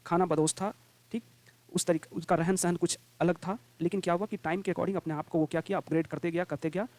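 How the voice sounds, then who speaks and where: A man teaching vocabulary in a lively lesson, checking in often with the class and reading definitions slowly. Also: high voice. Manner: repeats "ठीक है" and "right" as check-ins, quick and energetic; reads English definitions slowly and deliberately.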